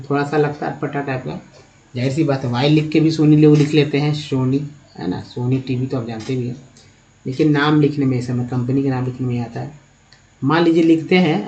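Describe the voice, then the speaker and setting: A man's voice: a little high, darkish tone. A man teaching English spelling and pronunciation in a spoken lesson, explaining step by step and putting questions to the viewer. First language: Hindi.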